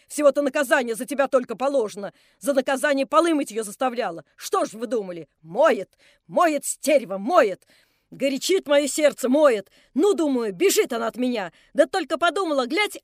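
A woman's voice: high voice, no room sound, studio quality. A woman reading an audiobook, voicing a drunk, vicious older landlady who rants, scolds and wails in self-pity.

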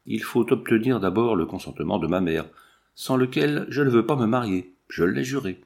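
A man reading the lines of a proud, sharp-tongued young English lady in a cool, ironic, measured way. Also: lowish voice, creaky.

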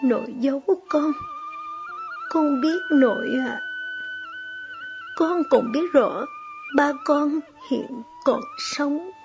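A hurt young girl speaks through tears in a choked, raised voice, as a woman narrator puts her on. Her words come slowly between sobs in a spoken storybook. A faint musical bed sits under a slightly dull recording. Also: high voice, over music, voice pushed up. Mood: tearful. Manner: choked, sobbing. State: crying. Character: young granddaughter, tearful and hurt.

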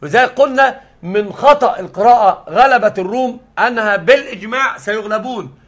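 A man's voice: high voice, brisk, fairly bright tone. A man teaching a scholarly religious lesson, explaining the text step by step. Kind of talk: scholarly lesson on Quran readings.

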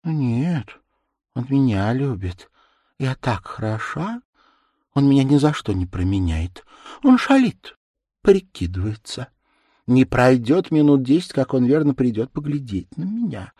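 A man's voice: medium pitch, sing-song, a little slow, warm tone, breathy edge, dry recording, pitched above the performer's own voice, exaggerated voice. Man reading as a vain young village girl, self-satisfied, musing, dry close sound, storybook reading. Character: vain, teasing young village beauty, female.

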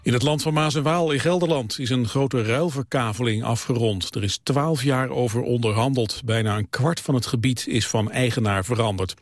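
A male newsreader reading the radio news in a steady, measured way. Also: mid-range voice, no room sound, clean studio sound. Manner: even, measured delivery. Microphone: studio microphone.

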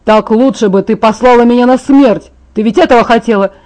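A woman's voice: medium pitch, steady tone, creaky, dark tone. A woman reading a bitter, wounded young man. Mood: bitter anger. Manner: slow, grave, bursts of bitter anger. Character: young man, bedridden with injury, bitter and hurt. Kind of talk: audiobook character voice.

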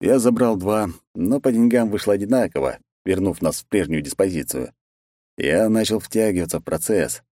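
Male audiobook narrator, low voice, dry booth, acts out dialogue. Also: moderate pace, mellow, dry recording. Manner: reads first-person story, raises pitch for characters' lines.

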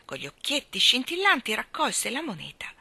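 A woman reading a children's novel aloud with a lively, animated delivery. Her voice is bright and carries a gravelly edge. She sounds close and dry. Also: fairly high pitch, moderate pace, no room sound. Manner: expressive storytelling with acted voices. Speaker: reader.

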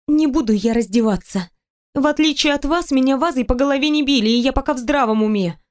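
A woman voicing a defiant, quick-tempered young heroine with sharp, indignant retorts in an audiobook. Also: high voice, natural voice. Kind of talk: audiobook reading.

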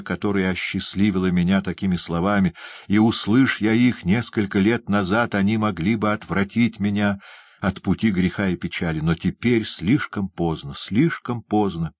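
A young fallen woman, torn and imploring, speaks with passion in a storybook reading, voiced by a man. The voice sits very low and deep, close and dry with no room around it. She begs and insists with heavy feeling. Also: moderate pace, dry recording, close to an everyday voice. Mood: pleading. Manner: emotional, imploring. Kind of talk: audiobook character reading.

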